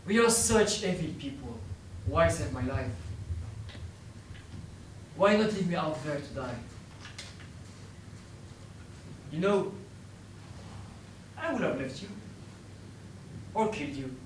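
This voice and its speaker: An actor playing a bitter, defiant captured fighter who fires accusing rhetorical questions, recorded in an echoey room from a distance. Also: male voice, on the high side, slight background noise. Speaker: stage actor. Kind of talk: stage play acting. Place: theatre stage.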